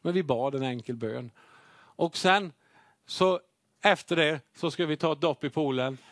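A middle-aged man preaching, telling a personal testimony with animated, self-mocking storytelling. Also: fairly high pitch, dry recording, studio quality. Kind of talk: sermon testimony.

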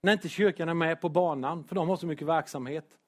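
A man preaching a sermon in church as pastor, earnest and emotional, at times loud and joking at his own expense. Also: on the high side. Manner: earnest, emotional, sometimes loud with self-deprecating humor.

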